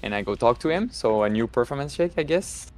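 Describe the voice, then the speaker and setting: A man's voice: mid-range voice, animated, brisk, darkish tone, soft background music. A man chatting casually as a player in a tabletop roleplaying game, with non-native English phrasing.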